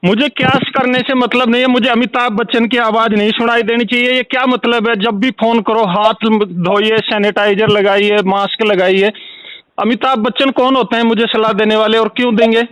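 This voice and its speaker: An angry man complaining loudly on a recorded phone call. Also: very high voice, little pitch movement, fast talker, hardly any pauses, clean tone, no room sound. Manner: furious, ranting, repetitive. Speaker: angry caller.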